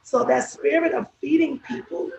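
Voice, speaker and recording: A woman's voice: high-pitched, moderate pace, gravelly, noisy background. A woman chatting casually on a live stream as a restaurant owner and guest, her speech slightly impeded by braces. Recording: echoey, dull live stream with crowd chatter.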